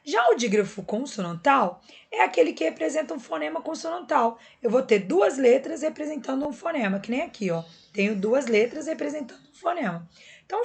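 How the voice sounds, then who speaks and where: A woman's voice: high-pitched, vocal fry. A woman teacher explains a lesson patiently and step by step, checking in often with her students. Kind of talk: recorded classroom lesson.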